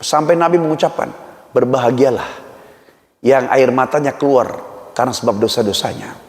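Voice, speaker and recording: A man's voice: medium pitch, normal speed. A man preaching a humorous mosque sermon, chatty and joking as he acts out little dialogues. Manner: jokey and conversational, acts out dialogues. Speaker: ustaz preacher. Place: mosque hall. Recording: echoey hall reverb.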